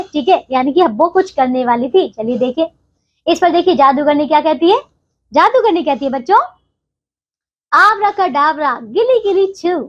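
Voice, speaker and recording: A woman's voice: sits high, dull audio. A woman teacher explaining a textbook story to children, checking in with them often.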